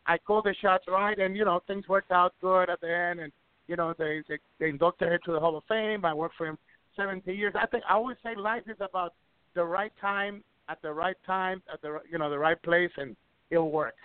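A man's voice: sits high, a little fast, clean tone, no room sound. A middle-aged man from Ecuador telling wrestling stories in a casual radio interview, rambling with many restarts. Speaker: wrestling promoter and guest. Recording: tinny phone line.

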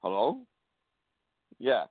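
A man's voice: mid-range voice, very animated, slightly rough, no room sound. Man calling in over a laggy phone line. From Alabama, US. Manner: halting, many "uh" pauses. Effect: laggy phone line with delay. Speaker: caller. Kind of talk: casual call-in chat. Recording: tinny dry phone line.

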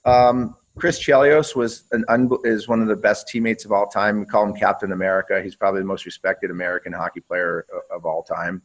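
Low-voiced profane ex-hockey man. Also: steady tone, a little fast, hardly any pauses, rough recording. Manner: rambling, profane, repeats words and restarts. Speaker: guest, former pro hockey player. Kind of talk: casual interview storytelling.

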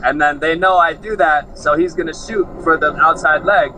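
Chill fighter dude rambling in slang, kinda high voice, bright and punchy. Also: male voice, moderate pace, slight background noise, poor audio. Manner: laid-back, slangy, rambling with many fillers. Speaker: fighter being interviewed. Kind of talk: casual interview chat.

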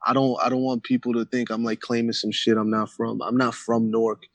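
Speaking briskly and with a completely flat delivery, this medium-pitched man is a battle rapper from Central New Jersey being interviewed. The conversation is casual, and his loose talk is full of "you know what I'm saying" fillers.

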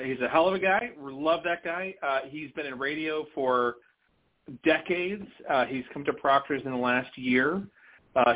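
An American man chatting casually as a podcast guest over the phone, telling stories with chatty emphasis. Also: on the high side. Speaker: podcast guest, convention organiser. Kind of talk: casual phone interview chat. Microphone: phone call. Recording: tinny live phone line.

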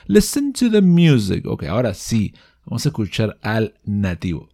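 A man teaching English pronunciation to Spanish speakers, stretching out the example words slowly. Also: on the low side, wildly swooping pitch, gravelly, dark tone. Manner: slow, drawn-out demonstrations. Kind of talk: pronunciation lesson.

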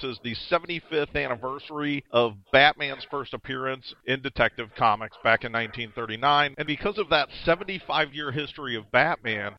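A man's voice: medium pitch, lo-fi sound. A man hosting a show, talking in a casual conversational interview style. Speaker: show host.

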